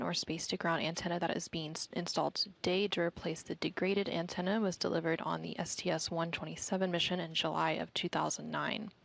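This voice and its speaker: A woman giving live mission control commentary in a measured, formal, explanatory manner. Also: lowish voice, gravelly, fairly bright tone.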